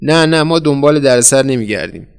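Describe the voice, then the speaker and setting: A man's voice: medium pitch, animated, gravelly, clear, resonant tone. A man reading a storybook voices a suspicious stout woman who turns a stranger away curtly. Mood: wary. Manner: curt, wary refusals.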